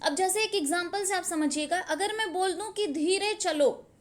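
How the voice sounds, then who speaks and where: Very high-pitched woman teaching grammar. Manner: explains slowly with repeated examples and questions to the viewer; frequently checks understanding with rhetorical questions. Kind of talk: exam-prep grammar lesson.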